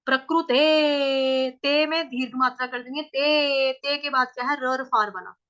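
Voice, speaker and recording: A woman teaching Sanskrit verse chanting, repeating each syllable slowly and firmly correcting her class. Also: sits high, steady tone, fairly bright tone, dull audio. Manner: slow drawn-out repetition of verse syllables; scolding latecomers firmly.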